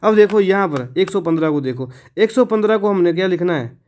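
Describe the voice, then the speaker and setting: A man's voice: high-pitched, lively intonation, brisk, a little mellow. A man teaching a math lesson for exam prep. He asks the class questions, answers them himself and repeats each step in a casual, friendly way. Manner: casual, addresses viewers as friends and brother.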